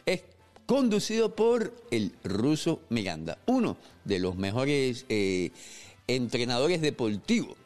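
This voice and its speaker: A man with a mid-pitched voice hosts a relaxed boxing podcast. He talks in a chatty, playful way and shifts into an announcer-like tone for plugs. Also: slow, faint music behind. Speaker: podcast host. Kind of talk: casual boxing chat.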